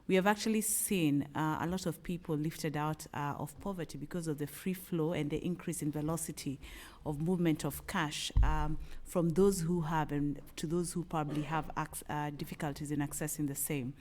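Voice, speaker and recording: A woman's voice: sits low, fairly even intonation, moderate pace, hardly any pauses, a little mellow. A middle-aged woman from Kenya with a Kenyan accent, speaking as a panelist. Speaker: panelist, company executive. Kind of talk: panel talk.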